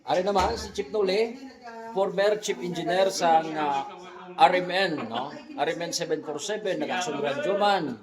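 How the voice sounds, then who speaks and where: A jokey Filipino vlog host and radio drama director with a Western Visayan accent and a slightly high pitch chats casually at normal speed, introducing colleagues and using frequent tag questions. He's in an indoor radio recording room that sounds echoey, with people chattering in the background.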